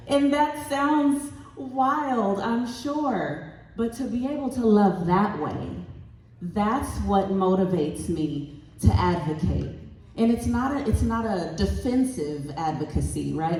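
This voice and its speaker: Slow, mellow-voiced woman on a panel. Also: lowish voice, slight background noise. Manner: earnest, heartfelt and reflective. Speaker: panelist, parent of a child who stutters. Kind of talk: panel discussion talk. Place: convention hall stage. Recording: echoey hall, voice far from mic.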